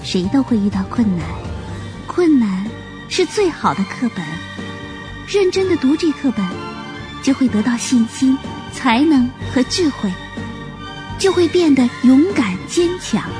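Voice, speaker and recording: A woman voicing a kind, wise mother antelope who speaks softly and reassuringly. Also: sits high, animated, unhurried, pauses often, music in the background. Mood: kind, soothing. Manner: warm, soothing, reassuring.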